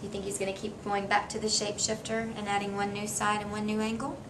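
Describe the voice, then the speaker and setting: A middle-aged woman, a teacher, reads a storybook to a young kindergarten child and keeps prompting with questions and encouragement. She speaks fast in a medium-pitched, flat voice. The clip comes from a camera microphone a few meters away in a noisy little classroom reading corner.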